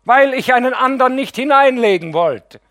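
A man's voice: extremely high pitch, expressive, normal speed, sharp tone, dry recording, clean studio sound, pitched above the performer's own voice, full character voice. A man reading an audiobook, voicing a deceitful, self-pitying nephew who pleads and wheedles.

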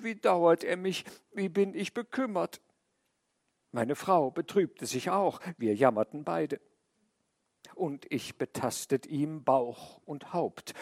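A man's voice: fairly high pitch, no echo, clean studio sound. A man doing a wailing, grief-stricken crow. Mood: lamenting. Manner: lamenting, wailing outcries. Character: grieving talkative male crow, widowed.

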